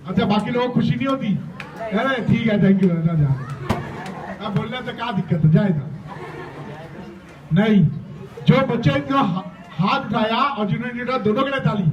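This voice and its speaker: High-voiced man rousing a school crowd. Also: moderate pace, pauses often, noisy background. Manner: emphatic, prompts the crowd to repeat after him. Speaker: motivational speaker at a school. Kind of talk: motivational talk with call-and-response. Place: school gathering with many students. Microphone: handheld or stage mic. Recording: echoey, distant, dull sound with crowd.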